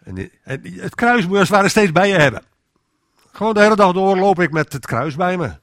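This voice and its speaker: A man's voice: high voice, lively intonation, fairly quick, fairly bright tone, dry recording, clean studio sound. A man giving an informal sermon in a conversational way, often restarting his sentences and acting out inner voices. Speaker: preacher.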